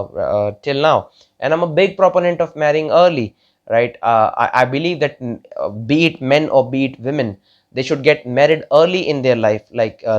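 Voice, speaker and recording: A man in his twenties from India, talking straight to his viewers in a halting, filler-heavy monologue. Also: medium pitch, muffled recording. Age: 20s. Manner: halting, many fillers and repeated words.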